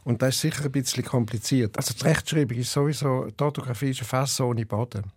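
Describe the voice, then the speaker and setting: A poet with a St. Gallen Swiss German accent speaks in a dry, close recording. He talks thoughtfully about his writing and his dialect, with frequent hesitations and fillers. His pitch sits in a middle range. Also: fast, husky, dry recording. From eastern Switzerland. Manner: rhythmic, chanting recitation when reading poems; thoughtful, with many hesitations when talking. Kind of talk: interview and poetry reading.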